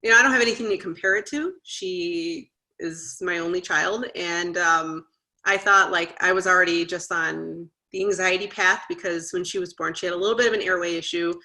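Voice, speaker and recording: A woman in her thirties, appearing as a guest parent in a casual interview, tells her story earnestly and acts out conversations she remembers. Her voice is fairly low, pushed and bright, at a moderate pace, and her chatty speech is full of "like" and "you know".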